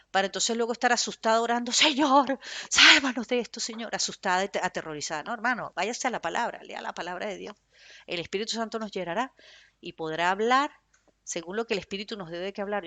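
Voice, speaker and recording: A woman preaching a fervent, emphatic sermon in Spanish with a Venezuelan accent, speaking in a loud tone. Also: medium pitch, no echo.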